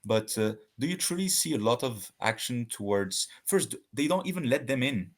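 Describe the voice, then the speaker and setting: With a medium-pitched voice and lively intonation, a man from Switzerland joins a casual debate as a guest, often pausing to find words and starting his sentences over.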